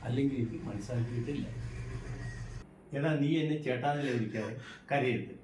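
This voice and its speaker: A man with a Malayali accent playing a rough adult villager who keeps soothing someone. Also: medium pitch, fairly quick, darkish tone, lightly acted. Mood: consoling. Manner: soothing, repeating reassurances. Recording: echoey room, mic far off, clear background noise.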